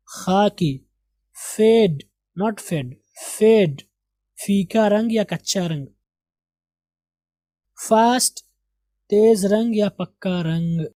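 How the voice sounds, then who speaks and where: A man teaching English vocabulary, repeating each word slowly and correcting pronunciation. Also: high voice, dark tone, no room sound. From India. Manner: slow, drills each word several times.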